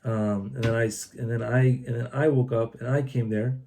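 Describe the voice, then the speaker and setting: Male reader: deep, mellow and fried tone, informal retelling of a religious text, halting with frequent restarts. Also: fairly even intonation, slight background noise. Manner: translates as he reads, halting with restarts. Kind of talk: loose spoken retelling of a book. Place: Old City of Tzfat, Israel.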